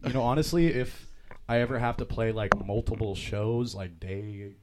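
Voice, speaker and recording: A man's voice: lowish voice, moderate pace, very noisy. Slangy laid-back young man. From Vermont. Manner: laid-back slangy talk with many fillers. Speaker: band vocalist guest. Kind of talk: casual chat.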